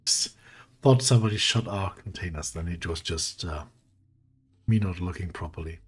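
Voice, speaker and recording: A man with a German accent and a very deep, soothing voice, rambling through casual commentary on his game and correcting himself as he goes. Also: moderate pace, slightly rough. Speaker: let's play host. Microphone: desk mic with equalizer.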